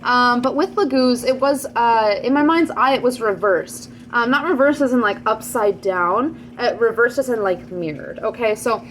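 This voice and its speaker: A woman's voice: a little high, moderate pace, few pauses, slight background noise. Chatty woman doing a tarot reading. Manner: chatty, many fillers, frequent "okay?" check-ins. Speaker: tarot reader. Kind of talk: casual channeled tarot reading to camera. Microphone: camera.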